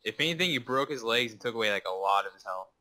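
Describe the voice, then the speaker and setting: A man's voice: medium pitch, lively intonation, fast, pushed and bright. A man chatting casually with friends while playing an online shooter, wry and sarcastic. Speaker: gamer. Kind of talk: casual gaming chat.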